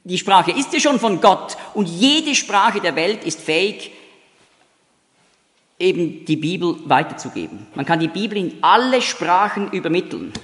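Animated German preacher in a reverberant hall. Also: male voice, high voice, unhurried. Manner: explains with demonstrations, imitates sounds. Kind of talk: sermon.

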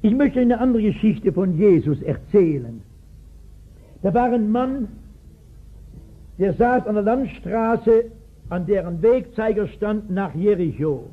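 A high, slightly rough voice from a man in his sixties preaching a sermon. He tells a Bible story with emphasis and frequently puts questions to the congregation, on a tinny 1960s recording.

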